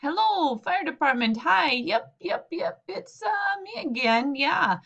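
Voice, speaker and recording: A woman's voice: very high voice, expressive, slow, creaky, a bit bright, pitched above the performer's own voice, full character voice. Woman doing flustered middle-aged uncle, storybook voice, sheepish, hesitant, slightly muffled lo-fi sound. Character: flustered middle-aged man, bumbling uncle phoning for help. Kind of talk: storybook read-aloud.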